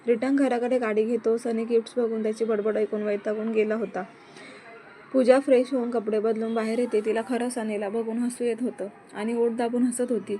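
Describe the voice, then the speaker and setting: Female storyteller, slightly high voice, flat and even, measured scripted reading. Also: slight background noise. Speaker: narrator.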